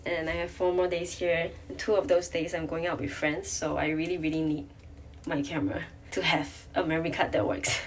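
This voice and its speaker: A young woman with a Malaysian accent vlogs from a hotel room, chatting casually to camera while sitting down, often correcting and teasing herself. Her voice is deep and her delivery flat and brisk. Slight background noise is audible.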